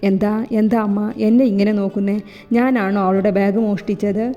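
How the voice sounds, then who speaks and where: A woman voicing a proud young man who is quick to blame others, speaking in a sharp, scolding way. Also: medium pitch, steady tone, lightly acted. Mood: irritated. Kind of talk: audiobook character voice. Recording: echoey room with faint music.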